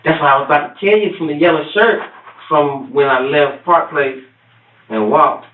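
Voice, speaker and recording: A man under police interrogation, giving a halting, rambling confession full of restarts and repeats. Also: a little high. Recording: echoey, tinny, distant room audio.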